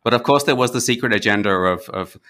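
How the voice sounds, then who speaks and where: A man's voice: medium pitch, fast talker, sharp tone. A man in his forties with an Australian accent, talking as a podcast guest in a friendly conversational way, with frequent fillers and restarts. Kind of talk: conversational interview.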